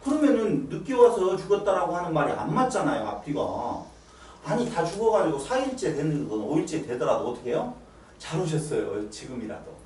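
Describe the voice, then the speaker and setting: A middle-aged man preaches with a lively, swinging pitch, drawing his congregation into call-and-answer. His voice carries through a roomy church sanctuary from a mic set some distance away. A faint ambience hums underneath. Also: brisk, slight background noise. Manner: animated, coaxing listeners to answer. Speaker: pastor. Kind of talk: lively sermon with questions to the congregation.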